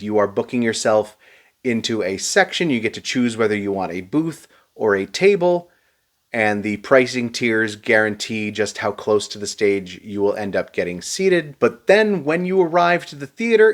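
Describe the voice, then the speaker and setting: A man reviewing a show to camera, explaining prices and seating in a steady, advice-giving way with a touch of dry sarcasm. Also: medium pitch.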